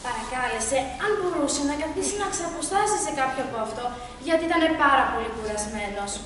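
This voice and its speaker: A woman reading a folk tale aloud in an expressive storytelling manner. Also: high voice. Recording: echoey hall, voice far from mic, background noise.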